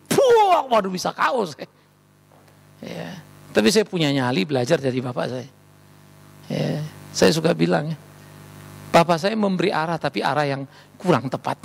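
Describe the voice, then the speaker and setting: A man's voice: on the high side, gravelly, breathy edge. A middle-aged male pastor preaching a sermon, telling stories and acting out quoted voices. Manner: storytelling, animated, acts out quoted voices. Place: large church hall.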